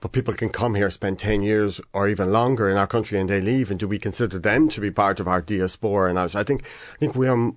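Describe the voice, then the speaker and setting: A man's voice: on the low side, fast talker, no room sound, studio quality. A man from England, a panel guest who talks thoughtfully and hedges as he goes. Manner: thoughtful, hedging restarts. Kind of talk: casual panel discussion.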